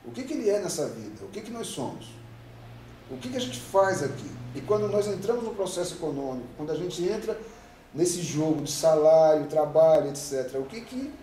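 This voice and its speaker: Brazilian man, 50s, union leader, emphatic, rhetorical questions, mellow voice, echoey room, distant mic. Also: a little high, sing-song, brisk, slight background noise. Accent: Brazilian Portuguese. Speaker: union president. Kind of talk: interview answers.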